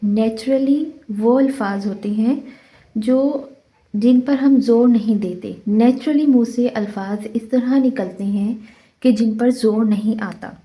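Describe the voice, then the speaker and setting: A woman teacher from Pakistan with a Pakistani accent, explaining an English textbook lesson and reading phrases slowly before going over them at length. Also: a little high, warm tone, low-quality recording.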